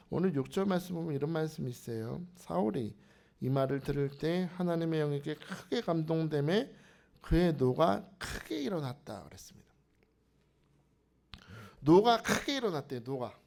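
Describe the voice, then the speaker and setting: A man preaching with a high, lively voice that leaps up and down as he presses his points. His tone has a gravelly edge, and he turns to the congregation with rhetorical questions, sometimes sinking to a hush. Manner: animated preaching, rhetorical questions to congregation, drops to whispers for emphasis. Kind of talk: sermon.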